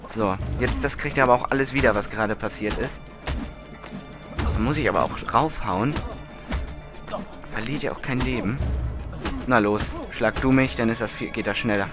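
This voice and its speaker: A man giving casual let's-play commentary. He talks chattily, stopping to correct himself and grumbling at the controls. Loud game music plays under his voice. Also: mid-range voice, normal speed, long pauses. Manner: chatty, self-correcting, frustrated at times.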